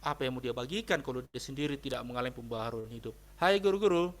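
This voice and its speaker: A man's voice: medium pitch, fairly even intonation, rapid-fire, a bit bright. A man preaching a sermon as a pastor, telling a personal story with emphatic delivery and often addressing his listeners directly. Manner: emphatic, repeatedly addresses listeners as brothers and sisters.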